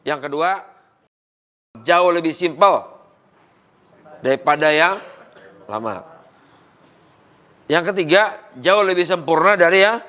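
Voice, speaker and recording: Male trainer, fairly high-pitched, repeats and quizzes staff. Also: lively intonation, slow pace, pauses often, bright, forceful tone. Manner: repeats key points and asks rhetorical questions. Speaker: company trainer briefing staff.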